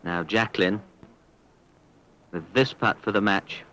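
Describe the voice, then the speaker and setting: A man giving measured, understated golf commentary on a 1970s archive sports broadcast. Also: fairly low pitch, sharp tone, slight background noise. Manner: understated, measured descriptions with appreciative exclamations.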